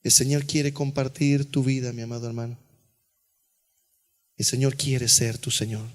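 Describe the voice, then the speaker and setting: A male pastor preaching an earnest sermon, dropping to a hush on key phrases. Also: medium pitch, little pitch movement, normal speed. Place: church sanctuary. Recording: long church reverb.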